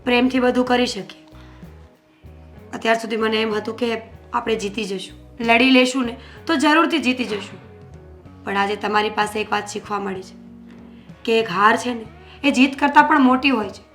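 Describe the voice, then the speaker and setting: A woman playing a calm, wise woman who speaks softly and reflectively about losing a fight. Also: fairly high pitch, moderate pace, soft background music, close to an everyday voice. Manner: reflective, soft-spoken. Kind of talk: Gujarati short film acting.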